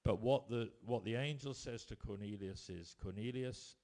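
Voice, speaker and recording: A man preaching a sermon, telling stories with emphatic rises and quiet drops. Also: medium pitch, moderate pace. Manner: storytelling, rising to emphatic bursts then dropping quiet.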